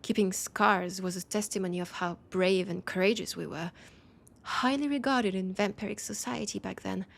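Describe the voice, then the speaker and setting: In this intimate audio roleplay, a French-accented woman voices a proud, wistful vampire veteran of great age. She speaks at a medium pitch in a husky, breathy tone, slow and sighing, with lingering pauses, and her mood comes across as proud and nostalgic.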